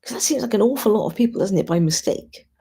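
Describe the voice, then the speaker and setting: Female livestream host, husky and heavy on vocal fry, opinionated, informal, thinking out loud. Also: mid-range voice, animated, fast. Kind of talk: casual chat to live commenters.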